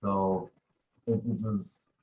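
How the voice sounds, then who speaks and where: A deep-voiced man hosts a podcast, speaking slowly with little pitch movement and a darkish tone. His casual talk rambles, with repeated phrases and many "you know"s. The recording is low quality.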